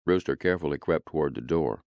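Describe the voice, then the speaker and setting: A man narrating an audiobook in a gritty, deadpan way, recorded close in a studio. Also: extremely low pitch, fast, creaky, no room sound.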